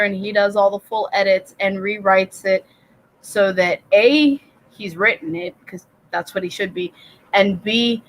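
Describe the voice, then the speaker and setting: Soft-spoken woman hosting a writing livestream. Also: low-quality recording. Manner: rambling, self-deprecating, reads chat aloud; speaks low and soft, said to sound soothing. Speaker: livestream host of a writing session. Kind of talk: casual live-stream chat. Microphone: computer webcam mic.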